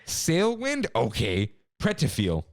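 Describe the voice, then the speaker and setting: Casting note: male podcast co-host, casual and animated, very lively pitch, dry close-miked sound. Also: takes it slowly, no echo. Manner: animated, laughs often, acts out quotes. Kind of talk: casual chat.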